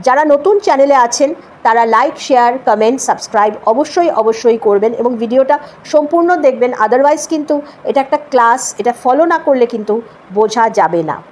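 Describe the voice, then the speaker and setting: A woman teaching an English spelling class, spelling words out letter by letter and slowly repeating English example sentences. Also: fairly high pitch, a little mellow. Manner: slow careful repetition, mixing Bengali with English example sentences.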